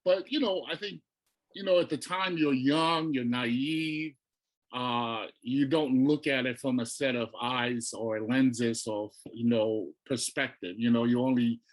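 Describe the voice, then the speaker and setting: Relaxed middle-aged man from Tonga. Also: medium pitch, unhurried, rough recording. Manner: relaxed, reflective, full of "you know" and restarts. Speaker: guest. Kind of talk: casual storytelling interview.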